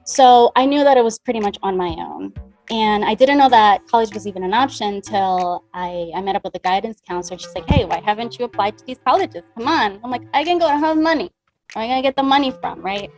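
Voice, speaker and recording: With a fairly high pitch and a fast delivery over soft background music, a Dominican woman talks as an interview guest. A money mindset coach, she's upbeat and chatty, replaying past conversations in character.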